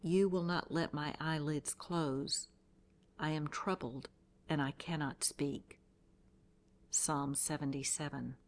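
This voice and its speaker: Female devotional reader with a low voice and a calm, reflective delivery. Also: slow. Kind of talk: scripted devotional reading.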